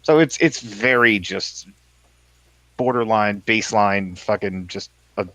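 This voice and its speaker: A man's voice: fairly low pitch, a little slow, sharp tone, dry recording. A man playing a bard in a tabletop game, rambling and laughing, with lots of "like" and restarts. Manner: rambling, laughs often, many fillers. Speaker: player. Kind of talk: casual tabletop game chat.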